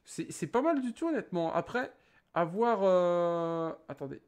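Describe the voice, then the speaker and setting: A man's voice: sits high, lively intonation, measured pace, clear, resonant tone. A young man casually reviewing a webcam at his home desk, joking, rambling and swearing as he sets it up. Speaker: tech YouTuber. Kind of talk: casual product review vlog.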